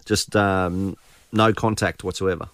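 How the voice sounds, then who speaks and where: Low, dry-voiced Queensland radio host, a man. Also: steady tone, measured pace, a bit bright, no echo. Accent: Queensland Australian. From Queensland, Australia. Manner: matey, uses Australian slang. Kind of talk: casual radio interview chat.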